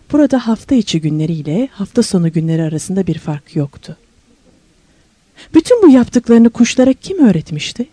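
A woman's voice: lowish voice, warm tone, no echo. A woman narrating a novel aloud as an audiobook reader, telling the story expressively and lifting her voice for questions and moments of wonder.

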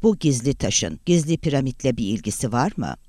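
A man's voice: mid-range voice, big pitch swings, brisk, dark tone, no room sound, studio quality, close to an everyday voice. A man voicing a stern, commanding woman official who speaks in a curt, cool manner.

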